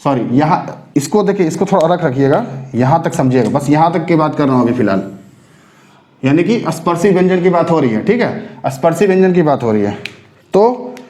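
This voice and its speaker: High-voiced man teaching grammar. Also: expressive, a little fast, darkish tone, reverberant. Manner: explanatory, asks rhetorical questions and answers them. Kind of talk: classroom-style lesson for exam prep.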